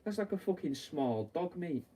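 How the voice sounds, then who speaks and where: A man's voice: fairly high pitch, expressive, moderate pace, mellow. A young man, a taxidermist chatting bluntly and rambling while he works, swearing often. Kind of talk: casual chat while working. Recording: distant mic with faint background noise.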